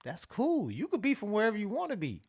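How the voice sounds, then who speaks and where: Man ranting with big pitch swings. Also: wildly swooping pitch, quick pace, breathy edge. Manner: repetitive, profane, emphatic, mocking. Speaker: show host. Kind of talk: animated commentary rant.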